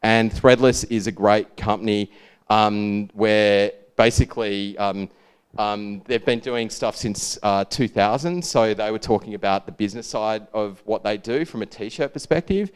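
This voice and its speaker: A man's voice: fairly low pitch, measured pace, clear, resonant tone. A man with an Australian accent and a lazy, laid-back drawl, giving an informal, rambling talk about his own work. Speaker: speaker presenting own brand work.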